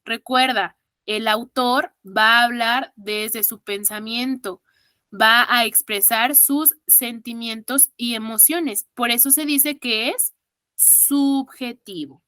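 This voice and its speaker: A woman's voice: on the high side, takes it slowly, sharp tone, no room sound, studio quality. A woman with a Mexican accent teaching an online exam-prep class, counting syllables aloud and praising her students patiently.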